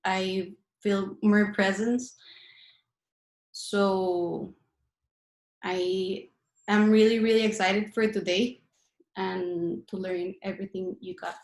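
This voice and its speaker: A woman's voice: mid-range voice, level tone, slow, long pauses, darkish tone. A woman from Costa Rica introducing herself modestly to a workshop. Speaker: workshop participant. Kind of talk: casual introduction. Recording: echoey room.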